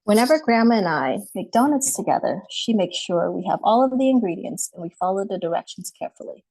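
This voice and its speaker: A woman author presents her picture book and reads it aloud on a video call, speaking politely and apologizing about the screen sharing. Her mid-range voice is warm and creaky, with lively intonation and a quick pace. Captured on a computer mic, the audio has no echo but is rough.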